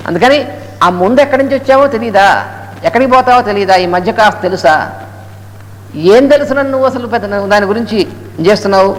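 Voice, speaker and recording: A man with a high voice rushes through a spiritual discourse, breaking off to chant Sanskrit verses slowly. His talk rings with the long reverb of a hall, and a faint hiss sits behind it. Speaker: Gita lecturer. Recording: echoey hall with faint noise.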